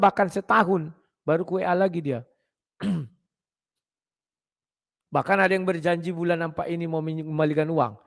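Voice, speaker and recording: Throat-clearing man preaching bluntly, gravelly. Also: a little high. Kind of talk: casual preaching talk to viewers.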